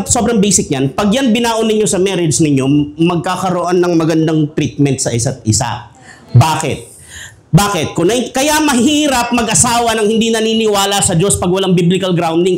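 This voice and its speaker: A man from the Philippines preaching a humorous sermon as pastor, joking and conversational, laughing often. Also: high voice.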